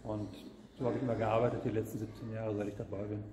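A middle-aged man with a lowish voice talks fast in a level tone, earnestly and hesitantly explaining a product with lots of fillers. He's a guest seller in a camper showroom, a large indoor hall, and the roomy space gives the recording a long reverb.

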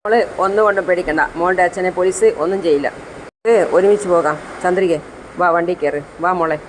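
A storyteller voicing a calm man reassuring a child and speaking politely to the police. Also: medium pitch, fairly quick, a little hiss or hum, lightly acted, poor audio.

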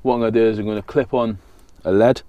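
Deep-voiced man explaining a fishing rig. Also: fairly even intonation, fast, no room sound, highs cut off. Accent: southern English. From England. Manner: plain, practical, talks while working with his hands. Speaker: fishing channel host. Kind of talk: step-by-step tutorial. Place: small indoor studio with banner backdrop.

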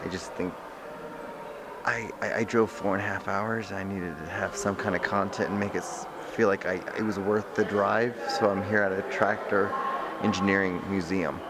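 Young guy half whispering to his camera in a big museum, low voice, dry little jokes. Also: steady tone, moderate pace, very noisy. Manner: quiet, half-whispered, wry. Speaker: travel vlogger. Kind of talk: hushed vlog narration in a museum. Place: large indoor museum hall. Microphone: handheld camera at arm's length.

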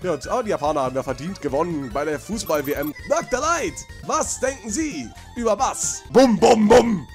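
A man doing gameplay commentary as a let's play host, prone to shouted outbursts and swearing, with game music behind him. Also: on the high side, very animated, fairly quick, hardly any pauses. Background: video game music.

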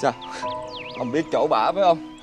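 A man's voice: mid-range voice, measured pace, over music, lightly acted. An actor playing a distraught older man who wails and pleads in tears, searching for a missing woman. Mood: tearful. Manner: wailing, pleading, tearful. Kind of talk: comedy drama acting.

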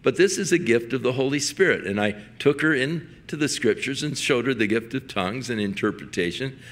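Older male pastor, folksy and anecdotal in the pulpit, bright tone. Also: medium pitch, lively intonation, a little fast. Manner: folksy storytelling with chuckles and restarts. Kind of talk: sermon.

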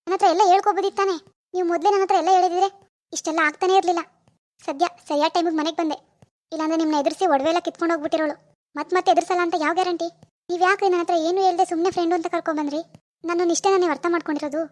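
Loyal cartoon wife, firm and scolding, voiced by a woman, very fast. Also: very high-pitched, fairly even intonation, darkish tone, no room sound, studio quality. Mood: reproachful. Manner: scolding, then firm and reassuring. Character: fierce, loyal young wife. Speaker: narrator who greets viewers. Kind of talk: cartoon voice acting.

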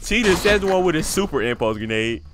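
A man chatting casually while gaming, bantering in slang and getting excitable. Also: on the high side, quick pace, a crowd in the background. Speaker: gamer. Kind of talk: casual chat while playing a shooter game. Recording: gunfire and clicks over game voice chat. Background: loud game gunfire and clicking.

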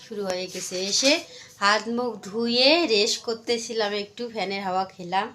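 Chatty slightly hoarse mother vlogging. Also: medium pitch, steady tone, a little fast, bright, forceful tone, a little hiss or hum. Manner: chatty, narrates what she is doing and repeats herself. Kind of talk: casual vlog narration to viewers.

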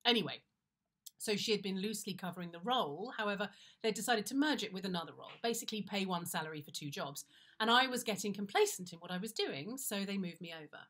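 Indoors in a plain-walled room, a middle-aged British woman reads a comic first-person story with expressive timing. Her medium-pitched delivery is conversational, wry and confiding.

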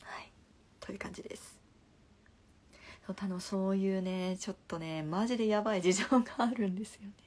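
A young woman hosting a casual live stream, chatting through viewers' comments and often dropping into a soft half-whisper, speaking into a phone. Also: mid-range voice, fairly even intonation, a little fast, pauses often. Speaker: livestream host.

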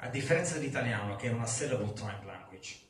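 A male English teacher lecturing a class, who explains patiently and drills phrases slowly and emphatically in English. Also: mid-range voice, animated, distant mic. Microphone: far recorder in the room. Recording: echoey classroom taped from afar.

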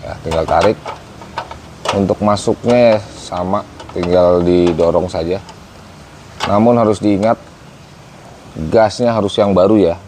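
A man's voice: low-pitched, measured pace, pauses often, a little mellow, a little hiss or hum. A man in his thirties casually reviewing a camping stove outdoors, explaining step by step and calling viewers guys. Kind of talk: casual product review vlog. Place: outdoor patio garden.

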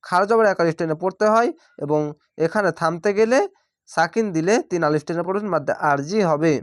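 A man teaching Quran reading, spelling out each syllable slowly and drawing out the sounds. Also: a little high, no room sound, clean studio sound. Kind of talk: syllable-by-syllable recitation lesson.

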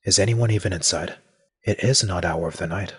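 A performer voicing a calm, deadpan undead man who narrates a fan audio drama, with a raspy voice. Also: low-pitched, a little fast, noisy background, lightly acted. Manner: deadpan, dry.

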